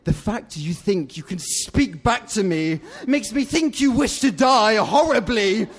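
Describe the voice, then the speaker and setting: A man voicing a tyrannical, imperious female red duck who shouts threats. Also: high voice, expressive, unhurried, slightly rough, exaggerated voice. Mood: furious.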